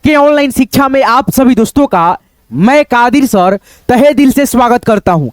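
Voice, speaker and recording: A man's voice: very high-pitched, expressive, moderate pace, no room sound. A man teaching an online Hindi writing lesson, patiently explaining step by step and drawing out the vowel sounds.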